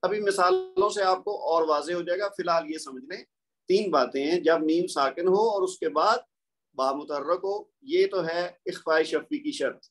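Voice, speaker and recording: A man with a Pakistani Urdu accent gives a patient, step-by-step recorded lesson in a slightly raised voice. He stops often to recite the examples slowly and carefully, keeping a plain, steady teaching manner. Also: on the high side.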